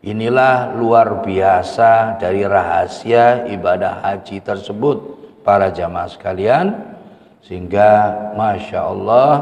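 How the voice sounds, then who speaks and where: Male preacher, slow measured delivery, mosque sermon, long hall echo. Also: lowish voice, a little mellow. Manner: addresses congregation, chants Arabic phrases slowly.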